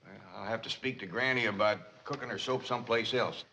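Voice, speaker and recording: An actor playing a good-natured middle-aged hillbilly patriarch with a rural Southern drawl, folksy and unhurried. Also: male voice, fairly low pitch, sharp tone. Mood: easygoing. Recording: dull, hissy old TV soundtrack.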